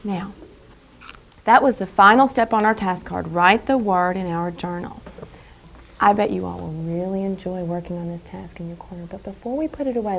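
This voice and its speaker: A woman teaching young children in a classroom, speaking in a deliberate, carefully enunciated, instructive way and repeating key phrases. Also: mid-range voice, fairly bright tone, rough recording. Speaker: elementary school teacher. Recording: clear background noise in a classroom.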